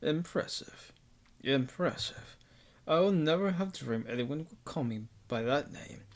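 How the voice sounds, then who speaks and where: A man voicing an ancient male vampire with a heavy voice, speaking in a formal, measured, menacing way while reading a visual novel aloud. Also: fairly high pitch, lively intonation.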